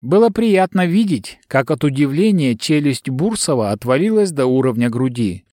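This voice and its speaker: A man's voice: mid-range voice, big pitch swings, moderate pace, warm tone, no room sound. Man narrating an audiobook, dry sound. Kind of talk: scripted narration.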